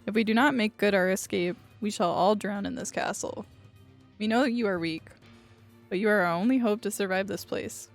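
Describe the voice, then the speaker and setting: A grand, archaic-speaking magic book, male, solemn and formal, as a woman streamer reads him out in her own voice over a video game. Soft game music plays faintly behind. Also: medium pitch, normal speed, lightly acted. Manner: archaic, formal read-aloud phrasing.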